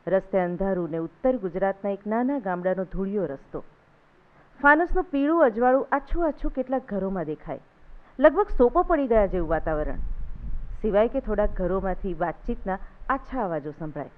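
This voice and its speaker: Woman reading an essay aloud, measured. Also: mid-range voice, lively intonation. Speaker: essay reader. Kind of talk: literary essay recitation. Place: literary hall event. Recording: thin phone-like sound.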